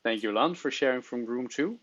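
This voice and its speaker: A man informally leading a class discussion as facilitator, encouraging and quick to acknowledge people's answers. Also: mid-range voice, lively intonation. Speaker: course facilitator. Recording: dull, lo-fi call audio.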